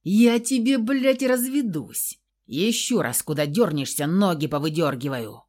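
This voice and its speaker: A vicious, brutal husband bellows crude threats in a slow, heavy snarl, acted by a woman reading the story. The lines come out loud and drawn out. The tone stays coarse and menacing throughout. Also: low voice, very animated, husky, exaggerated voice. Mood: threatening. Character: brutal abusive husband, adult man, vicious.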